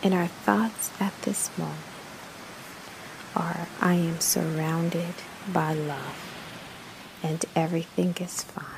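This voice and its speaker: Soft and calming, a woman's lowish voice leads a guided meditation with fairly even intonation. Each short phrase trails off breathily before a long pause. The background is noisy.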